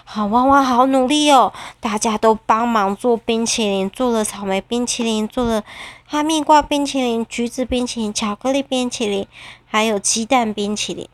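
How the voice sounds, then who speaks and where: A woman reads a children's story aloud in a lively, animated way, adding sound effects. Her voice sits a little high. The recording is dry and close. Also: moderate pace, no room sound.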